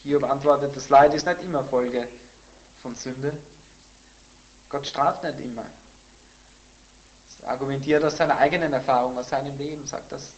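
A man teaching a Bible sermon in a conversational way, with blunt asides, who grows louder and higher when he reads scripture quotes. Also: poor audio. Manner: emphatic, rising in pitch and volume when reading scripture quotes. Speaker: preacher.

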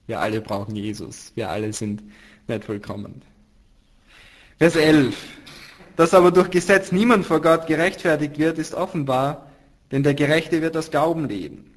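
A man teaching a Bible study in sermon style, earnest and emphatic, swinging from loud stresses to hushed drops. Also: fairly high pitch, normal speed.

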